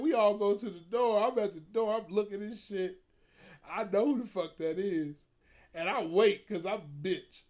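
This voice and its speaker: A man telling a profane story in a casual, animated way, often breaking into laughter. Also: high-pitched.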